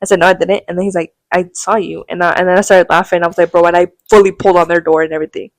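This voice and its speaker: A woman's voice: on the low side, rapid-fire, no echo. A young adult woman co-hosting a podcast, telling a rambling story and acting out quotes in casual chat. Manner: animated, rambling, acts out quotes, laughs often. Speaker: podcast co-host.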